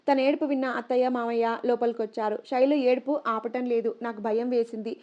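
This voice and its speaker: A woman narrating a first-person story in a steady, even reading voice. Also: fairly high pitch, brisk, highs cut off.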